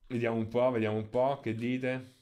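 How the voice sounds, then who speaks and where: A man, streaming games live and chatting with his viewers in an excitable, profane, ranting way, holding a handheld microphone. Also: medium pitch, normal speed, smooth. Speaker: video game streamer. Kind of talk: casual live-stream chat.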